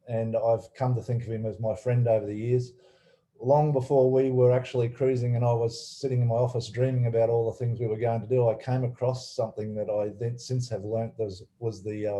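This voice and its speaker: A man hosting a webinar, introducing guests in a halting way with many fillers and restarts. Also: mid-range voice, mellow. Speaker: webinar host. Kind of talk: webinar presentation. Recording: slightly dull video call audio.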